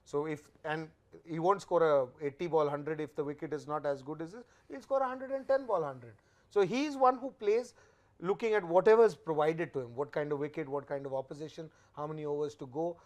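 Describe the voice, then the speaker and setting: A man's voice: on the high side, a little fast, darkish tone. A man giving studio match analysis as a cricket pundit, emphatic and opinionated.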